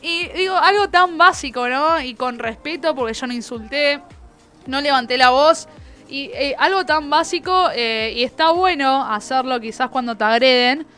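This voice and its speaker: A young woman with an Argentine Spanish accent, co-hosting a casual chat in a lively, emphatic way. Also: sits high, normal speed, soft background music. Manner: lively, emphatic, eager to agree. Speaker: podcast co-host.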